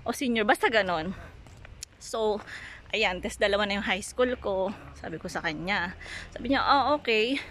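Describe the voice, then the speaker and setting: A woman's voice: mid-range voice, moderate pace, pauses often, a bit bright, a little hiss or hum. A woman from the Philippines, chatty in a casual storytelling vlog, retelling conversations and talking to her viewers. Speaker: vlogger. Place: Greece.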